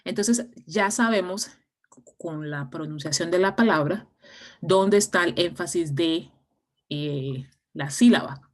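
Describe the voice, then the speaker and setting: A woman with a low, deep voice teaches an online class. She explains things step by step and often pauses on fillers and restarts her phrases. Her tone is patient and practical. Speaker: English teacher.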